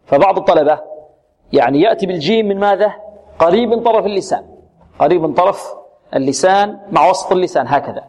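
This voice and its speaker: A man teaching Quran recitation, asking questions, answering them himself and drawing sounds out slowly to demonstrate them. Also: high voice, expressive, a little mellow. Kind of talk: Quran pronunciation lesson.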